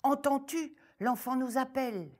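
Two protective hares in a folk tale, warm-hearted and careful, speaking in a slightly raised voice, as a woman storyteller does them. Their delivery is slow and gentle. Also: a little high, lively intonation, pitched above the performer's own voice. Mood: caring.

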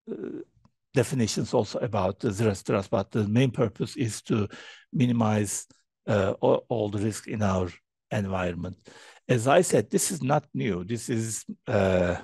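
A man's voice: fairly low pitch, unhurried, creaky, a little mellow, slightly rough, no room sound. A middle-aged man giving a keynote talk over a video call, hesitant and full of fillers and repeated words. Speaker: keynote speaker. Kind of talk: conference keynote presentation. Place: indoor room, presenting remotely. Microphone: video call webcam.

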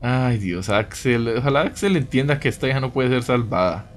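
A man's voice: mid-range voice, animated, moderate pace. A man doing casual let's play commentary, chatty, reading game dialogue aloud and reacting with exclamations and asides. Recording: music behind the voice. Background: game music.

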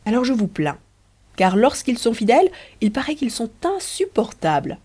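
A woman's voice: a little high, big pitch swings, normal speed, warm tone, slightly rough, pitched above the performer's own voice. A woman reading the part of a gossiping society lady with a sly, mocking manner.

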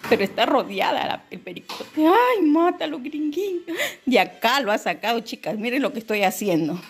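Chatty Peruvian woman, high voice. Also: brisk, faint music behind. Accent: Peruvian Spanish. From Peru. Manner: chatty and excitable, talks straight to her followers. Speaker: vlogger. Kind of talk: casual home vlog chat. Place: at home among potted plants.

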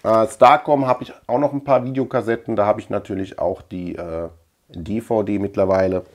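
A middle-aged German man, a video collector and channel host, talks on the low side in a steady tone at normal speed. In an indoor room lined with shelves of tapes, he chats informally through a show-and-tell of his collection, rambling and repeating words.

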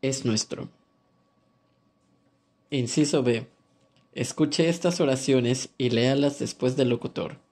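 A man reading an audiobook language lesson aloud in a calm, measured instructional way. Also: medium pitch. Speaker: language course narrator. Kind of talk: scripted audiobook narration.

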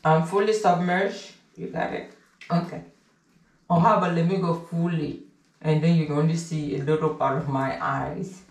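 A playful, giggly woman chats casually from a bathtub, her voice a bit low for a woman. She is picked up from a distance by an action camera in an echoey bathroom, with water sounds clearly heard. The talk is loose and lighthearted. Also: fairly even intonation, normal speed. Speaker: vlogger in a milk bath shoot. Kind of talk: casual chat. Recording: echoey room from afar, with water noise.

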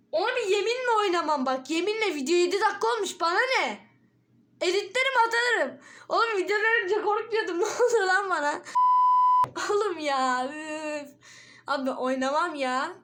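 Brief: high-pitched woman, jittery horror-game let's play commentary, frequent shrieks and curses. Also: a bit bright. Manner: jumpy, frightened, swears and shrieks often. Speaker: gaming video creator.

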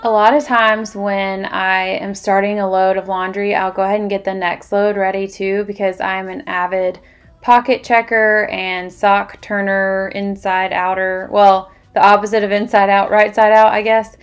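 A woman's voice: mid-range voice, flat delivery, moderate pace, clean tone, faint music behind. A woman, chatting earnestly to her viewers in a casual voice-over, with rambling asides. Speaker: vlogger.

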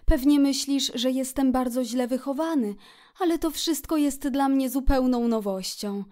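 A woman voicing a timid, excitable young male mole in a storybook reading, eager and full of wonder. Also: high-pitched, moderate pace, pitched above the performer's own voice, lightly acted. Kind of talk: audiobook character voice.

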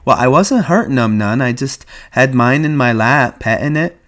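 A man reading aloud and playing a slow, childlike, timid ranch hand who talks in a soft, hesitant, pleading way. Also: mid-range voice, expressive, pitched above the performer's own voice, natural voice. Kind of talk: audiobook reading.

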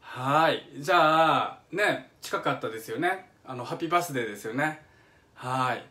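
A man's voice: mid-range voice, animated, fairly quick, bright, forceful tone. Chatty middle-aged man with a Kansai accent. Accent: Kansai Japanese. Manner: eager, chatty explainer who hums examples and reads out viewer comments. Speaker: live-stream host. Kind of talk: casual live-stream talk explaining music. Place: home kitchen. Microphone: phone or webcam on a live stream.

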